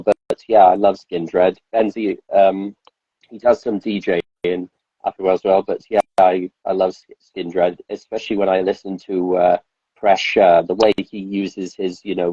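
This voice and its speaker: Man, deep voice, husky, casual podcast host, rambling, dull dry lo-fi recording. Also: dark tone, no echo. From Wales. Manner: rambling, many fillers and restarts. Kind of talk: casual chat. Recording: dull, lo-fi sound.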